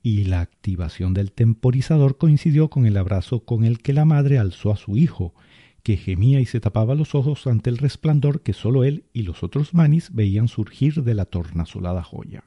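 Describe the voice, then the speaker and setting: A man giving scripted narration of a story podcast in a measured way. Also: medium pitch, expressive, no echo, lo-fi sound.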